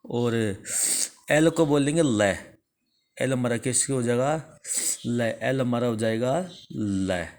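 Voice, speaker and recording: A man with an Indian accent teaching the English alphabet in a slow, repetitive lesson, asking a question and then answering it himself. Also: mid-range voice, a little mellow. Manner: slow, repeats each answer after asking it.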